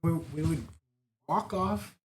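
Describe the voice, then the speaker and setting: A man's voice: fairly high pitch, slow pace, slight background noise. A middle-aged man from Texas telling stories as a podcast co-host, laid-back and swearing freely. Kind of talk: casual chat, storytelling.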